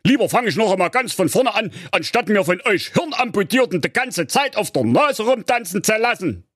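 Bossy donkey, blustering, lively up-and-down voice, high for a man, dry sound. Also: moderate pace, slightly rough, no room sound, exaggerated voice. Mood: exasperated. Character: bossy, hot-tempered male donkey bandleader. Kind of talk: comedic radio play.

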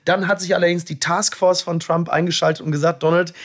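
Guy chatting on a podcast, kinda high voice, breathy, ironic and dry. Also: level tone, quick pace. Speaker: podcast co-host. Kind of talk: casual chat.

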